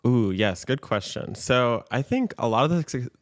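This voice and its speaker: A man's voice: mid-range voice, moderate pace. Young man, from Michigan, podcast guest, chatty storyteller, casual interview talk. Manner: chatty storyteller, lively quoted asides. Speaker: guest, content creator.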